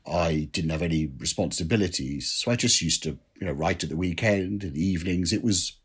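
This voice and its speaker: A man's voice: sits low, fairly quick, breathy edge. A man, a drinks writer, telling self-deprecating anecdotes as a guest in an interview. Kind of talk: interview storytelling.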